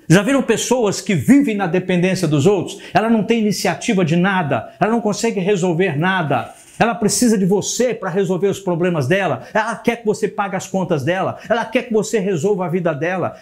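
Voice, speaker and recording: A man with a Brazilian Portuguese accent gives a psychoanalysis lecture, asking rhetorical questions and playfully speaking as a baby in the first person. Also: sits high. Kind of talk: recorded lecture.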